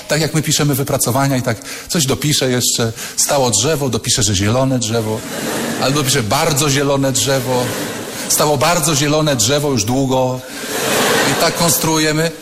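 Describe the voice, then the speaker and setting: A man's voice: mid-range voice, moderate pace, noisy background. A man, a priest, giving a humorous sermon to students, telling anecdotes and acting out the people in them. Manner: storytelling, acts out quoted voices. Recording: echoey hall with long reverb.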